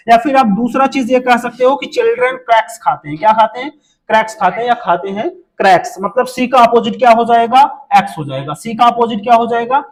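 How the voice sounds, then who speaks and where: A man with a very high voice teaches an exam-prep class. He throws the same question out twice and then answers it himself in a lower voice, and he works in playful memory tricks. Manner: drills students with repeated questions and answers; jokey memory tricks, drops pitch on answers.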